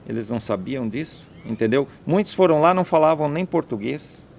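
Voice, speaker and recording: Interviewed as a landowner, a man speaks fairly quickly in a slightly high, expressive voice with vocal fry and a darkish tone. He is emphatic in the conversational interview, listing and repeating one point after another. Slight background noise can be heard.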